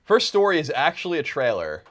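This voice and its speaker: A man in his thirties co-hosting a casual comedic talk show, teasing his co-host in deadpan banter. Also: a little high, brisk. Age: 30s.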